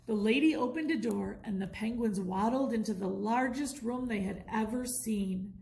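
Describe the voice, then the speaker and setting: A woman with a fairly high voice and some vocal fry reads a children's bedtime story aloud, expressive and deliberate in her storytelling. The recording quality is low.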